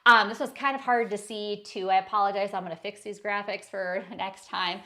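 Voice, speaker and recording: A woman's voice: mid-range voice, fairly even intonation, brisk, sharp tone. A woman coaching online business owners in a casual screen-share tutorial, chatty and self-correcting as she talks through her slides.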